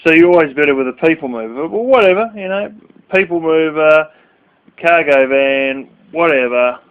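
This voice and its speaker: A blunt, foul-mouthed man rambles through a casual vlog rant late at night, sleepy and yawning. His voice sits a bit high for a man. The sound is thin and tinny, like a phone line. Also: normal speed, smooth. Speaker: vlogger.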